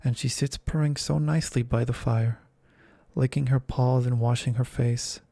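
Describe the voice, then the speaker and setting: A man softly voicing a polite, chatty girl. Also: medium pitch, fairly even intonation, normal speed, creaky, no echo. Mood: earnest. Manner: earnest, eager, soft-spoken. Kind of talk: whispered role-play.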